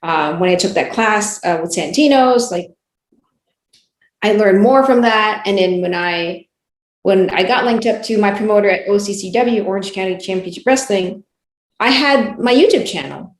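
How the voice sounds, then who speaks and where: A woman's voice: mid-range voice, normal speed. A woman chatting casually as an interview guest, giggly and often saying "like" and "you know". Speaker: guest, wrestling ring announcer and reporter. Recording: roomy, echoey sound.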